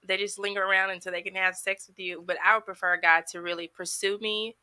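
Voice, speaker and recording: A woman's voice: mid-range voice, little pitch movement, quick pace, bright, forceful tone, dry recording. A woman in her twenties, a podcast guest, speaking in a plain, matter-of-fact way. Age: 20s. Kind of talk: casual podcast talk.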